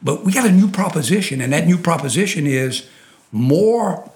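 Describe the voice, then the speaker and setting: A man's voice: a little high, lively intonation, normal speed, darkish tone, echoey room. A man with a thick Louisiana Cajun accent, making his case in a conversational interview, emphatic and repeating phrases for weight. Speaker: interview guest, oil industry advocate. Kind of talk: conversational interview, persuasive explaining.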